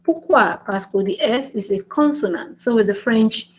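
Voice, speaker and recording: A woman's voice: a little high, moderate pace, low-quality recording. A woman teaching French in a casual video lesson, chatty and repetitive, often checking in with "right?". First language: English. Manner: chatty, repeats "right?" often, writes on a board.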